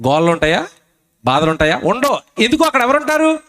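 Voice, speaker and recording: A man preaching a sermon at a public meeting, reading scripture slowly and pressing the crowd with repeated questions. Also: very high voice, very animated, a bit bright. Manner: emphatic, asks the crowd repeated rhetorical questions; reads scripture slowly and deliberately. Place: outdoor public gospel meeting.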